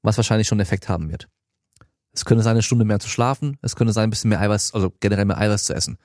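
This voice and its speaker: A man's voice: on the low side, very fast, a little mellow, dry recording, clean studio sound. A man in his thirties hosting a podcast, answering listener questions in a loose, colloquial way. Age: 30s. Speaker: podcast host and strength coach. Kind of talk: casual podcast Q&A.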